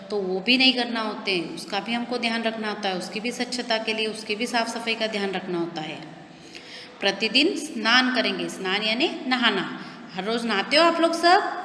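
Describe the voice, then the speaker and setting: Bright-voiced woman teaching young children. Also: medium pitch, echoey room, long reverb tail, a little hiss or hum. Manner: restates hard words in simpler terms and checks in with the children. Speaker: primary school teacher. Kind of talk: explaining a textbook lesson to young children.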